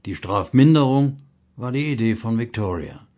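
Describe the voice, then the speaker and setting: An earnest man reads a devotional blog text aloud at a measured pace. His voice sits at an ordinary middle pitch, and he slows down to lean on the key phrases. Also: animated, warm tone. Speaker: reader of a blog article. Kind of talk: devotional reading.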